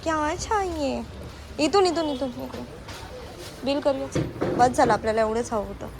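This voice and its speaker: At normal speed and in a high-pitched voice, a young mother films a casual vlog while shopping. She coaxes her small child and scolds them too, moving between a busy open-air market and a shop with plenty of market noise around.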